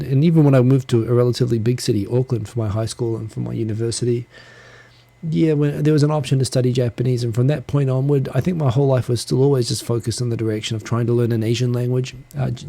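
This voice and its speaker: With a computer fan humming in the background, a livestream host with a New Zealand accent chats alone, fast and rambling, poking fun at himself and often starting over. A handheld USB recorder mic held close picks up his dark, mellow, medium-pitched voice and its vocal fry.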